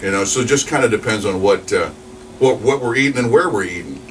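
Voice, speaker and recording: Low-voiced chatty radio DJ in his forties. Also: animated, quick pace, fairly bright tone. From New Mexico, USA. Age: 40s. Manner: rambling, upbeat, chatty with many fillers. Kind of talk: casual interview chat. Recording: distant mic with noisy background.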